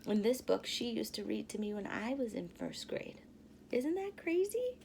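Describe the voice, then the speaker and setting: A woman in her thirties reads a children's storybook aloud like a teacher, expressively, pausing to explain things and ask questions. Her voice is a little high, sing-song and gravelly, with a darkish tone. There's slight background noise.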